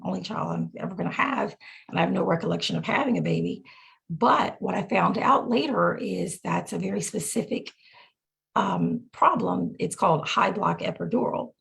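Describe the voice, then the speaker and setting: A woman in her forties tells a personal story to an audience. Her voice is strongly gravelly and very husky. She sits in the middle of the female range, and she talks in an earnest, halting way with frequent ums and uhs. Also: mid-range voice. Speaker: state representative and attorney. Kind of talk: personal story at a panel talk.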